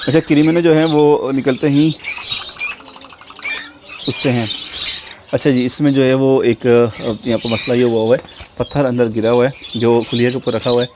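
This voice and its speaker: Amid heavy noise from loudly chirping and squawking birds, a man with a flat, mid-range voice casually shows off his outdoor bird breeding setup. It's unscripted and full of fillers, and he mentions that he talks fast.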